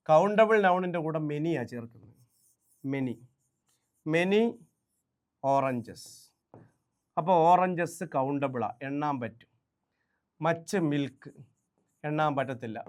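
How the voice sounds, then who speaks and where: A man teaching English grammar for an exam, quizzing students and answering his own questions with emphasis. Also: a little high. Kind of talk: exam-prep lesson.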